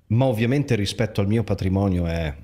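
A man with an Italian accent hosting a casual conversation, relaxed, asking questions and agreeing often. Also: lowish voice, a little fast. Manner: relaxed, asks questions, frequent agreeing backchannels. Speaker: podcast host.

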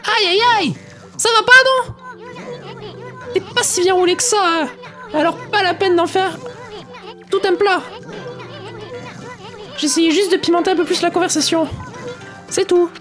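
A man voicing a tiny, boastful male wandering artist in a game, in a thin, squeaky, nasal voice with no bass and quick, indignant retorts. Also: music in the background, crowd noise. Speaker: gamer voicing in-game dialogue.

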